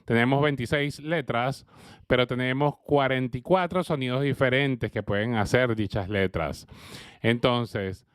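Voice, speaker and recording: A man interpreting an early childhood education lecture, speaking slowly and haltingly with frequent fillers. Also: mid-range voice, clear, resonant tone, no echo, studio quality. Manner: hesitant, with frequent fillers and uneven pace.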